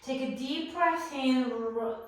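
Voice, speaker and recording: Woman yoga teacher, slow unhurried cues, slightly higher voice, out of breath, very echoey room. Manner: calm cueing of breath and poses, playful asides. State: slightly out of breath from moving while talking. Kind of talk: guided yoga class instruction. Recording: roomy echo, voice far from the mic.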